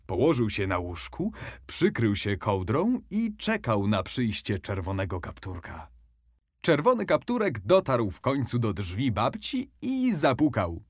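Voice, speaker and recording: A man narrating a children's bedtime story in an expressive, animated way. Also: lowish voice, a little slow, slightly rough, no room sound, studio quality.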